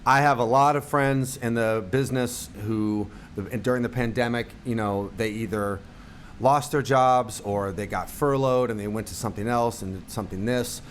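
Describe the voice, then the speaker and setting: A percussion company representative from the U.S. talks as a podcast guest at a moderate pace in a medium-pitched voice, with slight background noise. The podcast is casual, and he rambles self-deprecatingly, restarting often and using many fillers.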